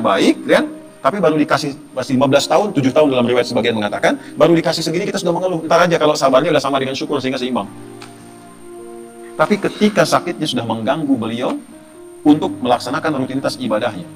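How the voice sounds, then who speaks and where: A male Islamic preacher giving a conversational sermon, often asking the audience rhetorical questions. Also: mid-range voice.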